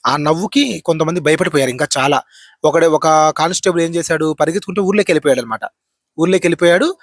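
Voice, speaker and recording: A man's voice: on the high side, fairly bright tone, no room sound, studio quality. A man hosting a horror channel, telling a ghost story in a chatty spoken way, repeating phrases and tagging lines with a filler.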